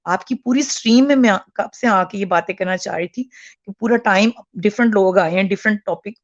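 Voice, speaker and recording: A woman's voice: mid-range voice, fairly quick, no echo, lo-fi sound. A woman in her forties phoning in as a caller over a call line, speaking earnestly with frequent hesitations and restarts. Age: 40s. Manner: hesitant, with many fillers and restarts.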